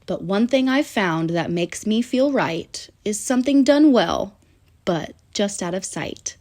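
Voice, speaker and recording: In a medium-pitched voice, a woman reads a rhyming children's picture book. The telling is animated and musical, with deliberate pauses throughout.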